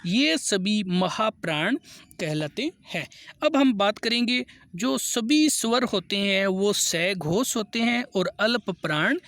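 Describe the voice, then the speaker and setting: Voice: mid-range voice, fairly bright tone. A teacher giving a grammar lesson for exam prep, working through questions one by one, repeating each answer and reading the question numbers in English.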